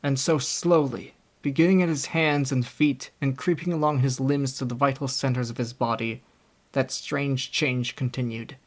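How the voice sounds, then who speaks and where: A young man reading a classic novel aloud in scripted audiobook narration, with a steady storytelling delivery. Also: medium pitch, moderate pace. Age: young adult. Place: home recording setup.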